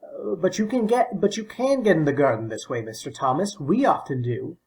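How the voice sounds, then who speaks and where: A man's voice: fairly high pitch, sing-song, normal speed, darkish tone, rough recording. A man voicing a polite but pushy young boy in an audiobook, urgent and overly courteous. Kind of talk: audiobook character voice.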